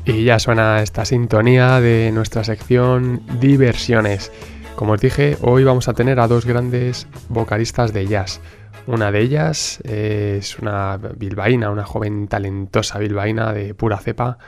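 A man from La Mancha hosting a radio music show, presenting songs in a relaxed, chatty way with small jokes. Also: fairly low pitch, a little slow. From La Mancha, Spain. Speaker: radio host.

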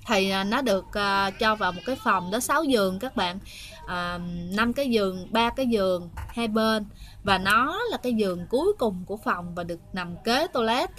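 A woman's voice: mid-range voice, moderate pace, a bit bright, slight background noise. A woman with a Southern Vietnamese accent telling ghost stories to her viewers in a chatty, hesitant way, often turning to address the listeners. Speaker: ghost story host. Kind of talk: casual spoken storytelling to viewers.

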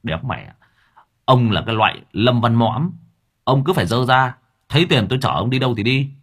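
A man voicing a hot-tempered male motorbike-taxi driver who talks loud, brash and crude. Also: medium pitch, expressive, a little fast, husky. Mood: blustering angry.

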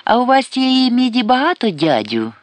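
A man voicing a lively young woman at a shop till, sly and playful, her voice raised well above his own. It is a storybook reading with a dry, close sound. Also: extremely high pitch, moderate pace, no room sound, voice pushed up. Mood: sly teasing. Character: lively young female cashier, sly and teasing.

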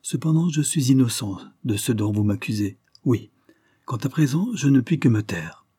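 A man voicing a proud young gentleman who is accused of a crime and answers in a calm, measured way, in an audiobook reading. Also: medium pitch, slightly rough, dry recording, clean studio sound. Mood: guarded.

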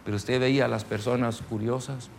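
A middle-aged pastor teaches a ministry seminar in a loose, story-driven sermon style. His voice has a gravelly edge at an ordinary male pitch, and he keeps turning to the listeners to check that they are following. Faint noise sits behind him. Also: steady tone, brisk, darkish tone.

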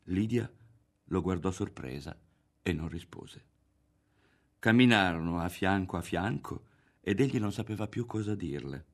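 A man narrating a novel aloud in a calm, measured reading. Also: low voice. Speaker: audiobook narrator. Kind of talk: literary reading.

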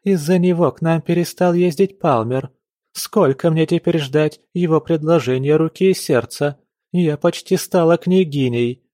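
A man voicing a spoiled, haughty young noble daughter who speaks in a shrill, indignant, sharp-tongued way. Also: normal speed, no room sound, studio quality, lightly acted.

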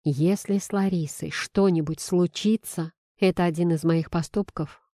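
A woman voicing a stern middle-aged father who speaks in a low, measured, weary way. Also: steady tone, dark tone, no echo, clean studio sound, lightly acted. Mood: grim.

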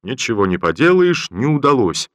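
A man reading an audiobook voices an old army general, jovial and hot-tempered, barking orders and praise in a loud commanding voice. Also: medium pitch, sing-song, unhurried, no room sound, pitched above the performer's own voice.

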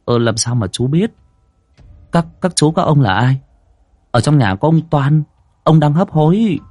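A nervous, polite man of the house, as a man puts him on for an audio ghost story. He stammers in a raised voice that is still husky underneath. The recording is dry and close. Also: on the high side, animated, slow, no echo, faint music behind, pitched above the performer's own voice. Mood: flustered.

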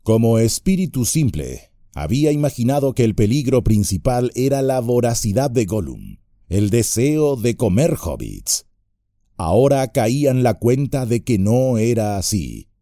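A man narrating an epic fantasy audiobook in a measured, expressive storytelling manner. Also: medium pitch, no echo, studio quality.

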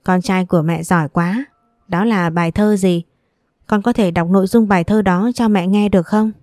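A woman voicing a gentle young mother who talks softly and patiently to her son in an audiobook story. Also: mid-range voice, fairly even intonation, normal speed, dry recording, clean studio sound, soft background music, natural voice. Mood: tender. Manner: soft, patient and tender. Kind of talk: audiobook character dialogue.

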